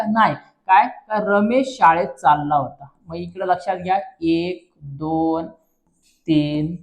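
A male teacher walking students through an exam paper, constantly asking rhetorical questions and calling viewers his friends. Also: sits high. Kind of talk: exam paper walkthrough lesson.

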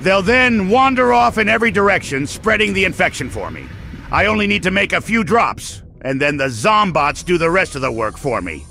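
A man voicing a bombastic, gloating mad-scientist villain in a comic dub, with slow theatrical menace. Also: high voice, big pitch swings, creaky, pushed and bright, full character voice.

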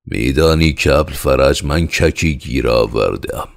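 A man voicing a loud, domineering male estate overseer who mocks the peasants. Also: extremely low pitch. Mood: mocking.

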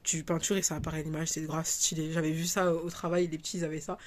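A woman's voice: sits low, flat delivery, fast talker. A woman in her twenties chatting casually to camera in a vlog, rambling with many fillers and restarts. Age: 20s. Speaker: vlogger.

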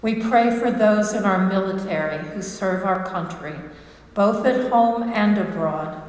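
A woman reading the prayers of the people aloud in church, measured and steady. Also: mid-range voice. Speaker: lay reader leading prayers. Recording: echoey church with long reverb.

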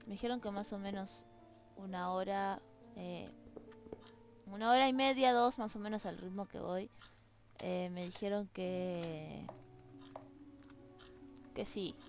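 A woman's voice: medium pitch, takes it slowly, long pauses, faint music behind. A woman playing a game, reading its lines aloud in silly voices and chatting playfully to its characters. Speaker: let's play gamer. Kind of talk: let's play commentary reading game text aloud. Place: home room with dogs nearby.

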